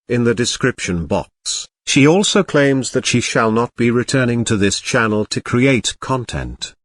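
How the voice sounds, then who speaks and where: A man's voice: medium pitch, fairly bright tone, no room sound. Robot cat narrator, male, a man doing it, formal and snide, dry studio sound. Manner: formal, archaic wording with dry sarcasm. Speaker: commentary narrator. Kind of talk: scripted drama-news commentary.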